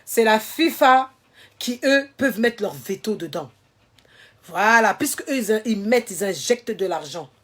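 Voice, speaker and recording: A woman's voice: medium pitch, animated, measured pace. A woman delivering an impassioned vlog rant to her viewers, emphatic and indignant, hammering home her points by repeating them. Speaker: social media commentator.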